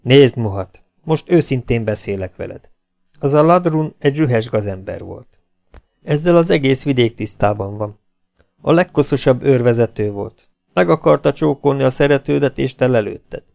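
A man's voice: medium pitch, expressive, vocal fry, darkish tone. A man reading an audiobook, voicing a weary, hot-tempered legion captain who threatens and coaxes a prisoner. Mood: coaxing. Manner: threatening, then coaxing and falsely friendly.

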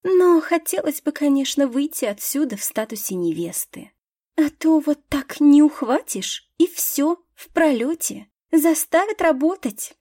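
A woman's voice: high-pitched, lively intonation, unhurried, warm tone, dry recording, studio quality, voice pushed up. A woman voicing a spoiled, snobbish young female student who talks in a scornful, whiny way.

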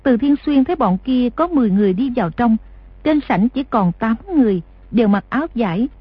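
Breathy woman narrating a novel. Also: fairly high pitch, no room sound, highs cut off. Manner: steady, measured reading. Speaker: audiobook narrator. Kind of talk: scripted narration.

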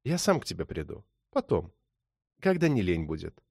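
A man reading a menacing phantom caller who speaks quietly and politely while he mocks. His words come low, slow and unhurried, with a soft, dry sound. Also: wildly swooping pitch, creaky, slightly rough, no echo, heavily acted. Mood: taunting. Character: mocking mysterious male caller, coolly menacing.

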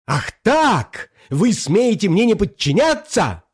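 A man's voice: sits high, very animated, slow, slightly rough, pitched above the performer's own voice, exaggerated voice. A man reading an audiobook, voicing a furious, treacherous male usurper who screams his orders. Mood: threatening. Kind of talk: audiobook character voice.

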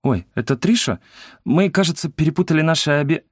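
A man voicing a kind, gentle middle-aged woman who speaks in a lively, teasing way. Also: on the high side, brisk, breathy edge, no room sound, studio quality, voice pushed up. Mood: surprised.

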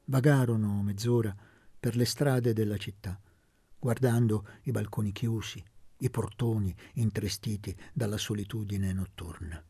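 Gravelly male audiobook narrator. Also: lowish voice. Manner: measured, expressive reading. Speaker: audiobook reader.

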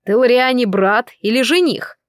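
A woman's voice: fairly high pitch, lively intonation, moderate pace, no echo, clean studio sound, close to an everyday voice. Cocky young man, sneering and dismissive, read by a woman narrator; audiobook. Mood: mocking. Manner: mocking, scornful.

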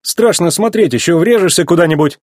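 A man voicing a cocky young race car in a storybook reading, with a quick, eager, husky voice. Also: on the high side, animated, a little mellow, dry recording, studio quality, voice pushed up. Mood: flustered.

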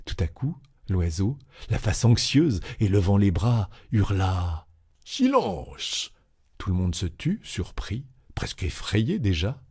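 A man reading a classic novel aloud in a measured, expressive narration. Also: low voice, breathy edge. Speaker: audiobook reader.

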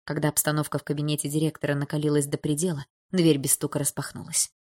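A woman narrating a dramatic audiobook in a steady, subdued storytelling manner. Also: deep voice, fast talker.

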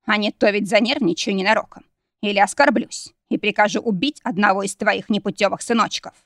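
A woman's voice: mid-range voice, a little fast, a bit bright, dry recording, clean studio sound, lightly acted. A woman narrator voicing a smug, scornful male dragon who sneers at the emperor.

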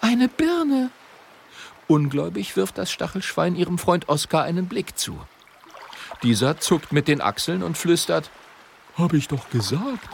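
A man narrating a children's audiobook in a slow, animated storytelling manner. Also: on the high side, gravelly, slight background noise.

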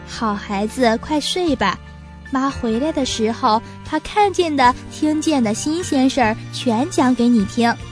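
A woman voicing a gentle, caring mother pigeon in a storybook reading, soft and soothing. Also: sits high, animated, measured pace, soft background music.

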